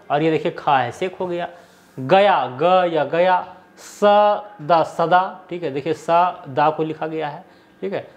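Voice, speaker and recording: A man explaining a script lesson step by step, often checking in with the viewer. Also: fairly high pitch. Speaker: teacher.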